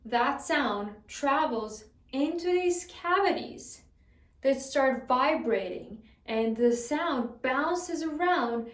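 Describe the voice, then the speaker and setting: Higher-voiced woman teaching singing, roomy sound. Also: far from the mic. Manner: friendly instructive, guides exercises step by step. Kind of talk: vocal lesson.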